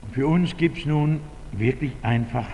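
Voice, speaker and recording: A man's voice: mid-range voice, measured pace, darkish tone, long reverb tail, slight background noise, poor audio. An older man preaching a sermon in a church, emphatic and repeating his key phrases.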